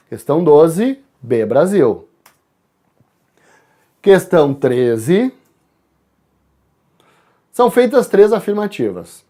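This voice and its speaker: Lively Brazilian teacher going over answers. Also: male voice, sits high. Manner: lively, addresses students directly, spells out letters. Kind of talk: exam answer walkthrough.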